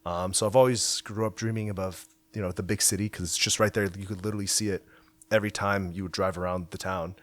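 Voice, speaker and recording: Speaking from a house in Waterloo, this young man raised in China, now a hacker house founder, reflects on his founder journey in a laid-back interview chat full of fillers. His voice sits low and he talks fast.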